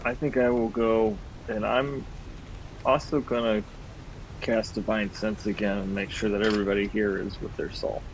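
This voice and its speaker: Male game player, slightly low voice, casual role-play talk, faint rumble. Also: flat delivery, normal speed, poor audio.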